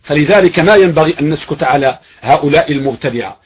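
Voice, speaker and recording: A male preacher with a high, husky voice delivers an emphatic sermon. He hammers his points by repeating phrases and posing rhetorical questions, heard on a dull lo-fi recording. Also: expressive, fast talker. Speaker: sheikh, preacher. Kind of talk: fiery religious lecture.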